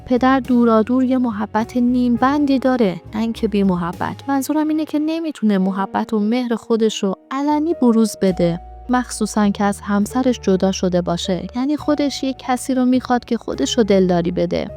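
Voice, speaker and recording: A woman's voice: fairly high pitch, a little mellow, soft background music, close to an everyday voice. A woman voicing a cheeky, joking young man in a spoken story, full of teasing banter. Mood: earnest.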